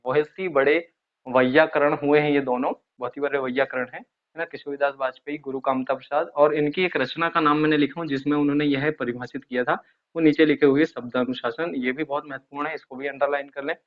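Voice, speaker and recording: A man's voice: a little high, steady tone, fairly quick. A man teaches grammar in a slightly raised voice, asking questions and then answering them himself. He repeats each example over and over. The audio is dull and lo-fi. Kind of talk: explaining at a whiteboard.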